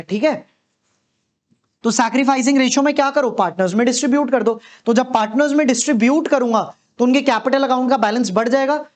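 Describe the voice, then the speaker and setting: A man teaching accountancy in a lecture, posing questions and answering them the way his students would, and checking in with a frequent "okay". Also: extremely high pitch. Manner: repeats a reassuring "okay" to check understanding. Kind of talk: classroom lecture.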